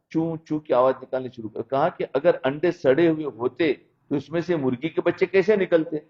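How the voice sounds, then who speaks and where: A man giving a sermon, telling stories about childhood and often asking his listeners whether they follow. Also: a little high. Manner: storytelling, asks listeners "understood?". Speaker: Islamic preacher. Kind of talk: sermon with storytelling. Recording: dull lo-fi recording.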